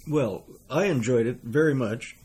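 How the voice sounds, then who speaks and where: A man's voice: mid-range voice, normal speed, a little mellow. An older man, the host's father, chatting as a podcast guest with dry, brief replies. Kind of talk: casual chat.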